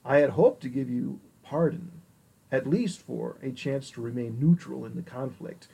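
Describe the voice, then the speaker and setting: A man's voice: mid-range voice, normal speed, creaky, mellow, breathy edge, poor audio. A man voicing a devout male ambassador who speaks earnestly and formally in an audiobook reading. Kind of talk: audiobook character voice.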